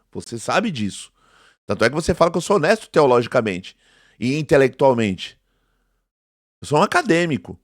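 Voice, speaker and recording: A theology teacher in his forties answers a critic straight to camera in a response video, his voice a little high. The sound is clean and studio-like with no room sound, and his delivery is emphatic and indignant, repeating his points.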